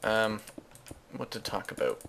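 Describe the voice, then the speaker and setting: Over slight background noise, a Let's Play host with a lowish, somewhat bright voice and vocal fry chats at an unhurried pace with lively intonation. He rambles casually while playing, adding chatty asides and often fixing his words mid-sentence.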